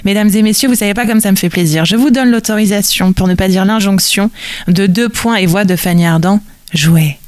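A woman's voice: mid-range voice, brisk, darkish tone, no echo. A woman delivering a humorous, theatrical monologue as a radio columnist, full of wordplay and playful asides.

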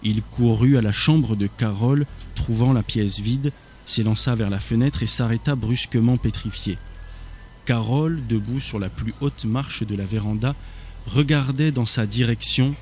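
Mellow-voiced male story narrator. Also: mid-range voice, normal speed, a little hiss or hum. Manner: steady storytelling with small slips. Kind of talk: audiobook reading of a thriller.

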